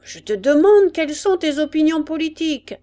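A woman voicing a gruff male army sergeant who barks his questions loudly. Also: a little high, very animated, unhurried, pitched above the performer's own voice. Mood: barking. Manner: loud, barking questions.

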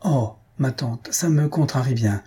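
A man's voice: mid-range voice, measured pace, dark tone, slightly rough. A man voicing an anxious young nephew who pleads hesitantly with his aunt, in a storybook reading. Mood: pleading.

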